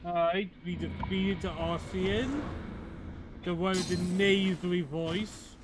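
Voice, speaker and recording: A man's voice: high voice, steady tone, slow pace, background noise. A man chatting playfully while livestreaming a game with a friend, often poking fun at himself. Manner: playful, self-mocking. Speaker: gamer. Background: game music.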